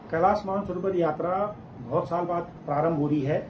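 अधिकारी, गूंजती जगह में रुक-रुककर बोलता पुरुष. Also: male voice, on the high side, steady tone, over music. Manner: halting, repeats himself while explaining. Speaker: district tourism official. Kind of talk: informal statement to reporter. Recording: roomy field recording with background noise.

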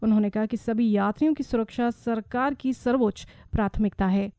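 A woman news reader with a slightly high but mellow voice. She delivers a formal radio bulletin in a steady, measured rhythm. The studio sound is dry and close. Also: no room sound.

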